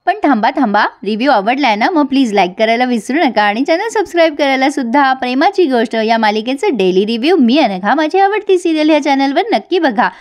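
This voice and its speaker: A woman with a fairly high voice recaps the latest episode of a TV serial. She tells the story with lively energy and keeps turning to speak directly to her viewers. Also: a little fast, hardly any pauses. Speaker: TV serial reviewer.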